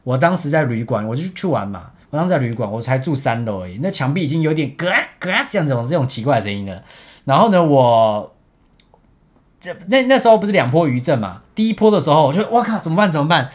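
Animated young Taiwanese man, chatty storyteller. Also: medium pitch, fast talker. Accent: Taiwanese Mandarin. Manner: animated, chatty, laughs often. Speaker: esports team captain. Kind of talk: casual storytelling over gameplay footage.

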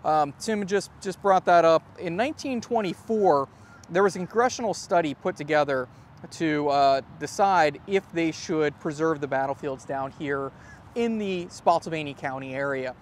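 A man in his thirties hosts a live outdoor history tour, telling the story in a lively way and reading notes from his phone. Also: fairly high pitch, normal speed, a little hiss or hum. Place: outdoors in a grassy churchyard. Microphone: clip-on lapel mic.

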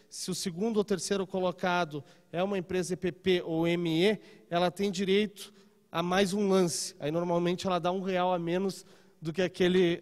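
The man's high, somewhat mellow voice rings with a long reverb tail as he leads a live seminar in a large conference room. A trade speaker in his thirties holding a handheld mic, he chats with the crowd and checks in often using "tá?" and "né?".

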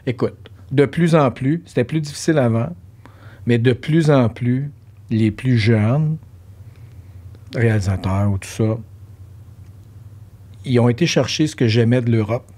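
Host: Québécois man, mid-pitched, animated, acts out little quotes. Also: measured pace, pauses often. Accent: Québécois French. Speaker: podcast host. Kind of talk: casual interview chat.

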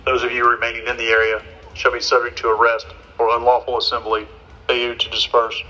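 A man reading a formal, commanding police dispersal warning, blasted from a vehicle's loudspeaker like a sound cannon. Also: medium pitch, completely flat delivery, fast. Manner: official, commanding announcement blasted over a loudspeaker. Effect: blaring vehicle loudspeaker, sound cannon. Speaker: police announcer. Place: outdoors on city streets, from vehicle loudspeaker. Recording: muffled, distant loudspeaker over noisy street crowd.

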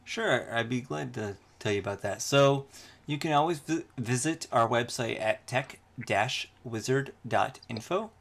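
Man, podcast host as guest, casual interview, halting, unfinished sentences, gravelly, mid pitch. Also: a bit bright.

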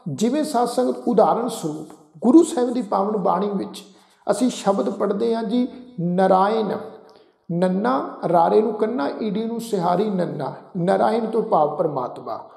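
A man's voice: high-pitched, expressive, moderate pace, creaky, dark tone, echoey room, big-room sound. A man with a Punjabi accent teaching how to pronounce scripture, addressing the congregation often and spelling words out letter by letter. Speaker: Gurbani pronunciation teacher. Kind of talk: religious lesson, slow careful recitation.

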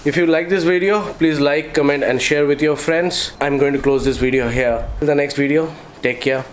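A man in his thirties with an Indian English accent hosts a casual travel vlog, talking chattily to a camera in his hand; his voice is a little high, fairly even in intonation, at a moderate pace. He records outdoors near roads with traffic noise, as well as in a car and hotel rooms, and sounds weary by the end.

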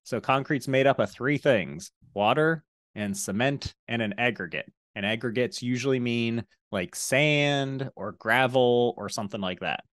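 A man's voice: medium pitch, a little slow, a bit bright, no echo, clean studio sound. Wry man on a headset mic. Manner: joking, wry asides. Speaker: podcast co-host. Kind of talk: casual podcast chat. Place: small room at home. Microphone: headset with boom mic on video call.

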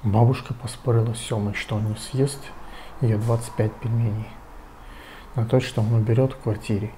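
A man in his forties reading out short jokes informally, in a low-key way with pauses. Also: fairly even intonation, noisy background. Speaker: joke teller. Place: home kitchen, indoors.

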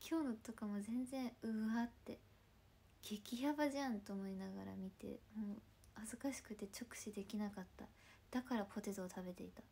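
A woman in her twenties from Ibaraki, Japan, hosting a casual livestream chat in a chatty, playful way, often dropping into soft murmured asides. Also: mid-range voice, normal speed, creaky, breathy edge. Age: 20s. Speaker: idol livestream host.

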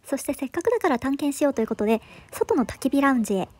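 Brisk, high-voiced woman narrating a hotel tour. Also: sing-song, darkish tone. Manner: upbeat, enthusiastic reviewing. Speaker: travel vlogger. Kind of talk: scripted voice-over narration.

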